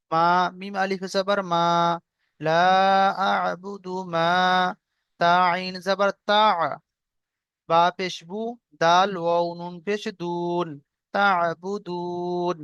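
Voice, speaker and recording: A man teaching Quran reading, chanting verses slowly and then spelling out each letter and vowel mark. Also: high-pitched, fairly bright tone, clear, resonant tone, no echo, dull audio.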